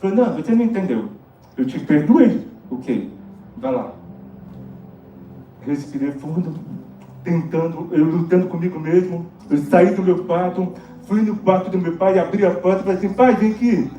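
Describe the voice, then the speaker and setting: A Brazilian pastor preaches a testimony sermon with a raised yet dark, mellow voice, pressing his congregation with direct questions. He is picked up from a distance in a roomy church hall, through a dull mic with faint music behind him. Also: high-pitched, normal speed, long pauses, slight background noise. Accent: Brazilian Portuguese. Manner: emphatic, prompts the congregation with questions.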